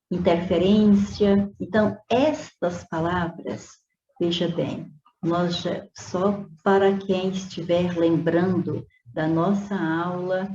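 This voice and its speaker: A woman Portuguese teacher reviews exam questions, stretching out example words slowly and checking in with students using "né?" and "tá vendo?" as she explains. Her voice is fairly low and a little mellow. The recording sounds roomy and dull, lo-fi with faint noise.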